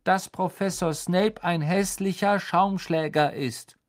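A man's voice: high-pitched, steady tone, slow pace, pitched above the performer's own voice. A man voicing a mocking enchanted map that speaks with mock-polite, taunting formality. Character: mocking enchanted map, cheeky male pranksters' voice.

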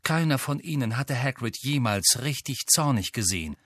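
A man reading a novel aloud with steady, even storytelling. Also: medium pitch, normal speed, no echo, clean studio sound. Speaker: audiobook narrator. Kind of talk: scripted narration.

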